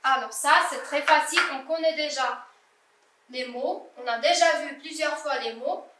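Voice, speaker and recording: A woman's voice: high voice, a little slow, a bit bright, roomy sound, far from the mic, a little hiss or hum. A young woman teacher correcting a primary-school reading exercise, patiently spelling out words letter by letter. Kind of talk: slow classroom exercise correction.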